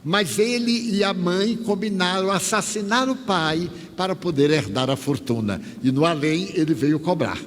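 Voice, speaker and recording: A man from Bahia, giving a spiritist lecture as a lively storyteller who acts out the dialogue. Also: sits high, normal speed, few pauses. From Bahia, Brazil. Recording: echoey hall with faint hiss.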